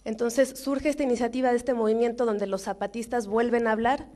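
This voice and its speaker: A young woman from Mexico, speaking with a Mexican accent, gives an informal talk to a forum audience in a measured way, with many fillers and restarts. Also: a little high, steady tone, a little mellow. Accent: Mexican Spanish.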